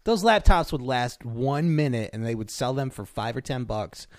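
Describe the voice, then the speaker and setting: A man's voice: mid-range voice, expressive, normal speed, studio quality. A man hosting a casual chat, laughing often and echoing guests' words back as questions. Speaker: host.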